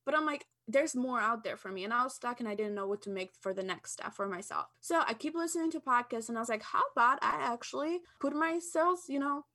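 Bright-voiced candid woman podcast guest. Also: a little high. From Albania. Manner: blunt, candid, talks fast and eagerly. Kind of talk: casual interview chat.

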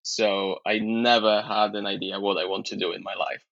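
Polish guy in his thirties, lowish voice, muffled call audio, stumbles and laughs a lot. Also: little pitch movement, a bit bright, no echo. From Poland. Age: 30s. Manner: halting, laughs often, repeats words. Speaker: guest, online seller. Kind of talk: casual interview chat.

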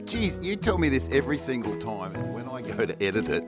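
A man's voice: mid-range voice, very animated, brisk, over loud music. A middle-aged Australian man co-hosting a podcast outdoors, trading dry, grumbling banter in casual chat. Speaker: podcast co-host. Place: outdoors at a breakfast area by a pool.

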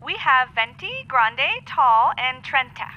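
A woman's voice: high voice, lively intonation, slow, lo-fi sound. A woman playing a curt, impatient coffee barista, heard through a drive-thru speaker and speaking in a snippy, condescending way.

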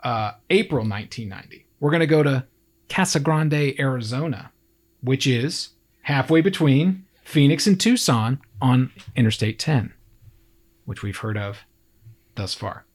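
A man co-hosting a true-crime podcast in a loose, chatty way. His pitch swings widely as he tells the story, and he jumps into voices for the people in it. He laughs easily and keeps it conversational. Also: lively intonation, a little slow. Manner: acts out quoted people with raised voices, laughs often. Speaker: podcast co-host.

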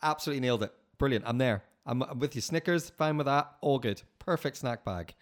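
Fast-talking man hosting. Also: mid-range voice, expressive. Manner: encouraging, repeats short phrases. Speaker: podcast host. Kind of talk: casual interview chat.

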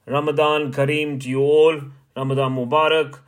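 A man from West sends a relaxed, warm recorded message full of slang and blessings. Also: on the high side, moderate pace. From West London. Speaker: caller sending a message.

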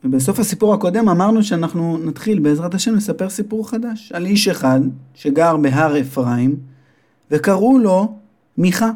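A man telling a Bible story to children, expressive and slowing down for dramatic moments. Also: high voice. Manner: warm, expressive, slows for drama.

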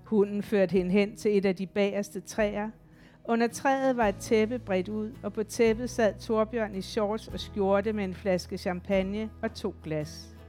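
A woman narrating a literary audiobook in an even, measured storytelling voice. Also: medium pitch, faint music behind.

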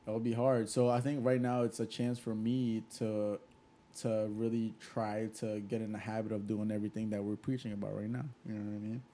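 A man's voice: lowish voice, little pitch movement, fairly quick, warm tone. A young man co-hosting a casual chat, rambling and often checking that he is understood. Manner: rambling, repeats "like" and "you know what I mean". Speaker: podcast co-host.

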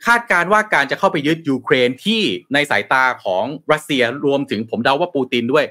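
A man's voice: fairly high pitch, sing-song, quick pace, pushed and bright. A man discussing world news on a talk show, speaking emphatically with frequent restarts and tag particles. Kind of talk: casual discussion of current affairs.

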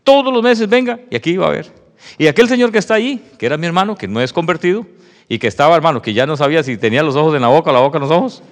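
Animated preacher in a reverberant hall. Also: male voice, fairly high pitch, rapid-fire. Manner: animated storytelling, acting out dialogue. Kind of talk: sermon testimony.

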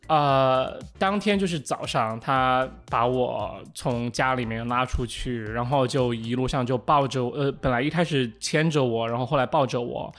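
A man co-hosting a casual podcast chat, telling a childhood story in animated, halting fashion with many restarts. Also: medium pitch. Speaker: podcast co-host.

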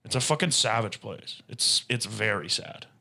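A young man from Michigan co-hosting a casual podcast chat, joking in a deadpan way and swearing casually. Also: lowish voice, normal speed, creaky. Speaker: podcast co-host.

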